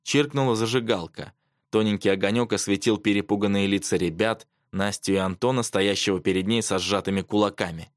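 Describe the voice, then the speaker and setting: A man reading a children's adventure story aloud as narrator, measured and even. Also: fairly low pitch, dry recording, studio quality. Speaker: audiobook narrator. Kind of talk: scripted narration.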